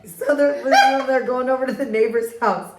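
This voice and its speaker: A woman co-hosting a podcast in a casual book chat. She is giggly and animated and talks in quick bursts. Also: sits high, echoey room, a little hiss or hum, low-quality recording. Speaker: podcast co-host.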